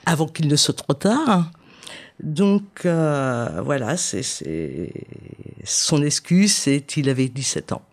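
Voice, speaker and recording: A woman's voice: sits low, sing-song, slow. A woman talking about a novel in a casual chat, hesitant and full of fillers. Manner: hesitant, many fillers like "voilà" and "euh". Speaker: book reviewer on a radio show.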